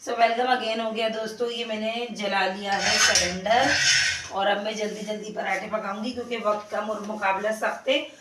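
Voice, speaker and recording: A woman's voice: medium pitch, little pitch movement, normal speed, far from the mic. A woman chats to her viewers as she cooks in a home kitchen at night, with pious asides between bits of everyday talk. Her voice bounces around a hard, echoey room, and a faint hiss sits under it. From Pakistan. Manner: chatty, pious, talks to viewers while cooking. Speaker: vlogger. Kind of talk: casual home vlog narration.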